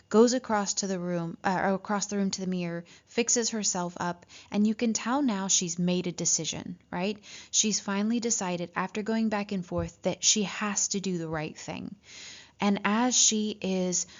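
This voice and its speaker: A woman teaching a literature lesson, reading passages from a story and explaining them, often checking in with "right?" and pausing on "um". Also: medium pitch. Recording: dull lo-fi recording.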